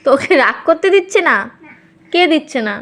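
A woman's voice: high voice, expressive, normal speed, a bit bright. A woman vlogging at home, playfully teasing and coaxing her small daughter. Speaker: mother and vlogger. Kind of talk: casual family vlog.

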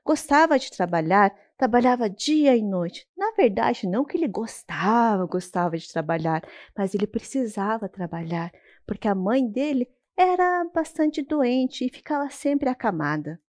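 Animated Brazilian woman telling a children's story. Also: fairly high pitch. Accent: Brazilian Portuguese. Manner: animated, dramatic pauses and sudden whispers.

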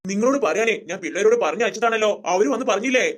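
A performer voicing a gentle, worried old grandfather in a children's family skit, with a low, gruff put-on voice. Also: rapid-fire, lightly acted. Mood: surprised.

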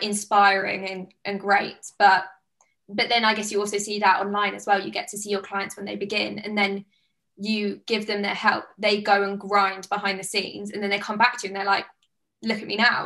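In a low-quality recording, a woman speaks at medium pitch in a monotone, at normal speed and with a sharp edge. She's a UK fitness coach in her twenties, a guest on a casual video call who chats with enthusiasm and moves her hands as she talks. The room around her is small, indoor and plain-walled.

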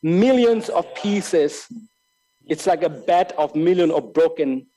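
An expressive filmmaker from Lesotho works slowly through his thoughts in a reflective master-class lecture, his mellow voice a little higher than most men's. He trips over repeated words and keeps restarting as he searches for phrasing, gesturing as he talks. He is heard via a desk microphone on a stand in a large hall that is bright with tall windows.

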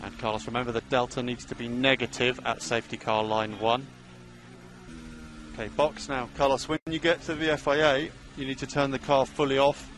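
A man's voice: mid-range voice, little pitch movement, brisk, a bit bright. Male race engineer over team radio. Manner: repeats key information. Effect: team radio transmission.

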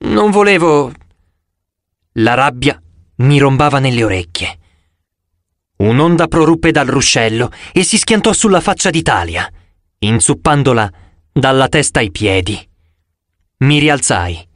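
A man reading a story aloud in first person as an audiobook narrator, in an expressive, dramatic way. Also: medium pitch, a little slow, long pauses, no echo, clean studio sound.

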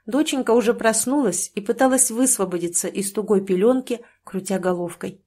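Woman reading a story aloud, calm and measured, mid voice. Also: medium pitch, husky. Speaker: audiobook reader. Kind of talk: audiobook narration.

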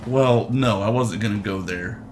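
A man's voice: on the low side, measured pace, a little hiss or hum. A man chatting casually during gameplay, crude and swearing, laughing at his own jokes. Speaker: gamer.

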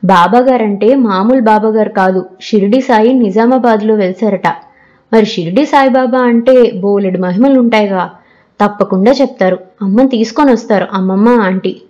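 A woman voicing a calm, kind teenage girl student who speaks gently and reassuringly. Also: medium pitch, normal speed, dull audio, lightly acted.

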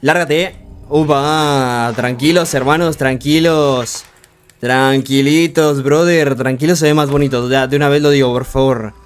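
A young man giving frantic live commentary on a horror game, urging himself on with rapid repeated words and joking with the game's characters. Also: medium pitch, fairly even intonation, clear, resonant tone. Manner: jokey, talks to the game's characters. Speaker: gaming streamer.

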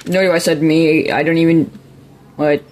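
A man's voice: a little high, level tone, measured pace, a little mellow. A young man hosting a gaming video, chatting casually about the game, easily puzzled and laughing along. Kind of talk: casual gameplay commentary.

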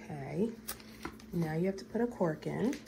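Gentle low-voiced mom guiding a craft. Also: female voice, expressive, moderate pace, creaky, background noise. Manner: gentle, coaxing, guiding step by step. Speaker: mother making a craft with her child. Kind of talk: casual family vlog chat.

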